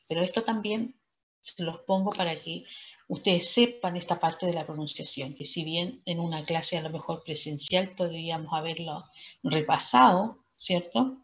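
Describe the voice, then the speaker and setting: A woman's voice: sits low, dull audio. A woman teaching an online English class, checking in with "¿cierto?" and "¿ok?" after nearly every phrase. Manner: peppers speech with "¿cierto?" and "¿ok?".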